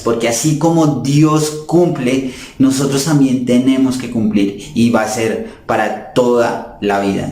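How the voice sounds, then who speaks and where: A man's voice: mid-range voice, warm tone. A man preaching a sermon in an earnest way, addressing his listeners as brothers and sisters. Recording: roomy echo.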